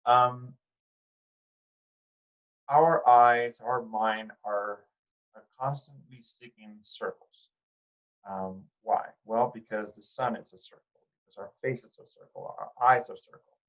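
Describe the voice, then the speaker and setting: A man teaching an art class takes it slowly, with long pauses and a steady, mid-range voice, in a rough recording of his lecture. He talks casually to the students, using fillers and restarts, and often puts questions to them directly.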